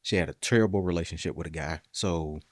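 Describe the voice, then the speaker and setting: Man, deep voice, dry close sound, animated motivational storyteller in casual podcast chat. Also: quick pace, dry recording.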